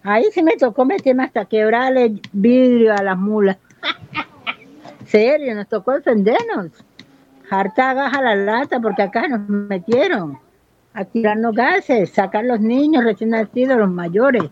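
A woman's voice: a little high, animated, a little slow, a little mellow, muffled recording. Earnest woman in her fifties. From Buenaventura, Colombia. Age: 50s. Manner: earnest, impassioned, reflective. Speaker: local resident. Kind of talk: interview testimony.

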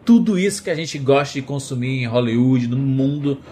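A Brazilian man presents a podcast with casual, slangy enthusiasm. His mid-pitched voice moves up and down a lot. Faint music sits underneath. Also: animated, normal speed, dark tone. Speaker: podcast host.

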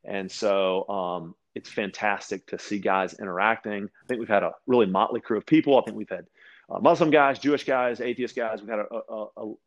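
A man from Louisiana, a podcast guest, telling casual stories with lots of restarts and animated asides. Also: on the low side, fairly quick, muffled recording. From Louisiana, USA. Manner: rambling, animated anecdotes with frequent restarts. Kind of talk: casual storytelling conversation.

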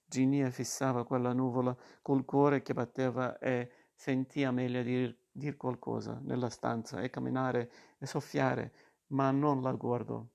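A man reads a novel aloud in a low, even monotone. His voice is gravelly and fry-laden, with hardly any rise and fall, and he now and then stumbles and restarts a word. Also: unhurried. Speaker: reader.

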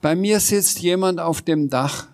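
A bossy, excitable older landlady from a storybook, shrill and impatient, as a man reading aloud puts her on. Her voice sits well above a man's usual pitch and snaps out demands. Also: unhurried. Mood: agitated.

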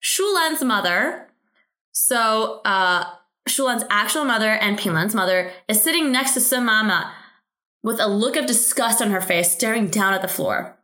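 Woman co-host, casual drama recap, bright forceful voice, roomy echo. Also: a little high, measured pace. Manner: animated, incredulous asides. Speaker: podcast co-host.

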